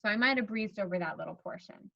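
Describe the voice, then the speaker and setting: A woman teacher demonstrating a phonics lesson to an imagined student, encouraging and modeling words slowly. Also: medium pitch, vocal fry, no room sound. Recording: slightly dull, dry recording.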